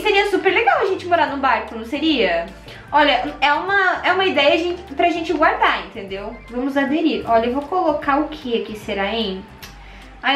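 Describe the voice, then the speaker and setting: A young Brazilian woman with a Brazilian Portuguese accent, hosting an excitable Minecraft let's play and gasping at every find. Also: high-pitched, reverberant. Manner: excitable, gasping, squealing at finds. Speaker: gaming channel host.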